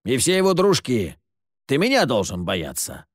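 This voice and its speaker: Ворчливый больной незнакомец, насмешливый и грубый, сыплющий испанскими ругательствами, которого озвучивает мужчина-чтец. Живая, подвижная интонация, сухой звук без эха. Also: male voice, medium pitch, huge pitch swings, moderate pace, dry recording, clean studio sound. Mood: sardonic. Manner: gruff, scornful, curses with Spanish words. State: ill, coughing. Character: sickly, sardonic grown man lurking in the dark.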